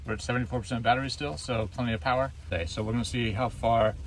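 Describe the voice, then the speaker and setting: A man's voice: mid-range voice, very fast, rough recording. A man chatting casually for a travel vlog inside a camper van, plain and matter-of-fact. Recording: steady noise, vehicle ambience.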